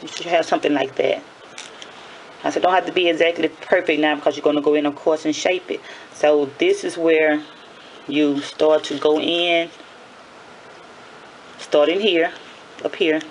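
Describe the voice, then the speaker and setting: Raspy, chatty woman. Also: deep voice, steady tone, normal speed, long pauses, slight background noise, low-quality recording. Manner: chatty, repeats and self-corrects. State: early-morning raspy voice. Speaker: nail tutorial host. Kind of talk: casual hands-on tutorial.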